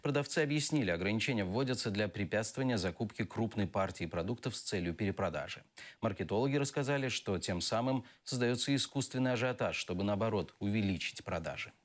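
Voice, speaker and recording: A man reading scripted television news narration in an even, formal way. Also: fairly low pitch, fast talker. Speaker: news reporter.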